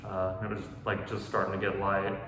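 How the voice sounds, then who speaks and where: A young podcast host rambles through a hunting story in casual chat, packing it with fillers. His low voice is monotone at a normal speed. The room is echoey, with long reverb and faint noise.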